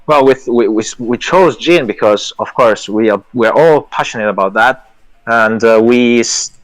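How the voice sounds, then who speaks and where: A man with a mid-range voice and measured pace is heard on a low-quality recording. He's a project lead and live audio chat guest whose first language is Italian, hesitant with plenty of fillers and restarts, and his manner is earnest and self-deprecating, broken by light laughs.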